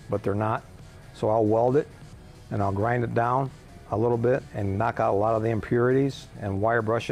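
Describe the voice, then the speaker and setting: Plain-spoken gravelly shop owner in his fifties, rambling tradesman talk, faint music bed. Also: fairly low pitch, a little mellow. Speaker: hot rod shop owner and welding instructor. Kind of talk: casual shop explanation. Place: large metal fabrication shop, indoors.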